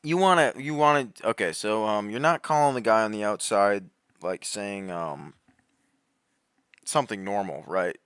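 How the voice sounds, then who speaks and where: A man giving heated, rambling commentary, laughing often and swinging between loud outbursts and low muttering. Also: unhurried, pauses often, clear, resonant tone, dry recording, clean studio sound. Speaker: commentary host. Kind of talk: animated conspiracy commentary.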